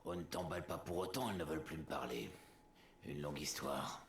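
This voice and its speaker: An actor voicing a boastful male war god in a video game, theatrical and quick to swing between gloom and bluster. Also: a bass voice, fairly bright tone, reverberant, slight background noise. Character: boastful grown male war god, bird-brained and sulky. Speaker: game character.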